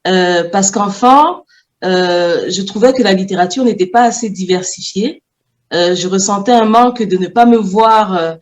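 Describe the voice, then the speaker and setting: A woman, a mother and children's book author from France, answering interview questions thoughtfully with many pauses and restarts. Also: mid-range voice, darkish tone. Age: adult, a mother.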